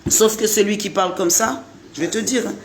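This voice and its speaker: A man's voice: high voice, steady tone, a little fast. A man from Guadeloupe giving an impassioned monologue, repeating his points and talking straight to the listener. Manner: repetitive, rhetorical, addresses the listener directly.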